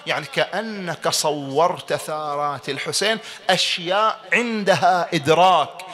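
A man's voice: a little high, moderate pace, fairly bright tone. A man teaching a grammar lesson with religious explanation, asking rhetorical questions and repeating examples.

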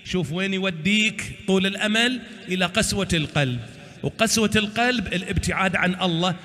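A man's voice: high-pitched, fairly quick, bright, forceful tone, long reverb tail. A man preaching a sermon, exhorting his listeners and answering his own rhetorical questions.

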